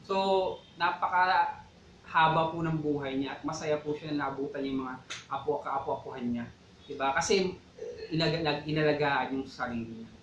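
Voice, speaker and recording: A man's voice: fairly high pitch, fairly even intonation, moderate pace, fairly bright tone, reverberant, lo-fi sound, a little hiss or hum. A man co-hosting a church talk show, speaking conversationally and exhorting listeners as brothers and sisters. He keeps checking in with "di ba". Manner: conversational, repeats "di ba" often, exhorts "mga kapatid". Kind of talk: casual faith talk, preachy asides.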